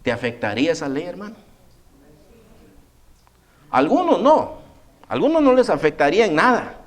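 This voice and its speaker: Animated Spanish-speaking male preacher. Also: sits high. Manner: animated preaching, acts out biblical characters' voices; addresses listeners as "hermano". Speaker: pastor. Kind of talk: sermon. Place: church.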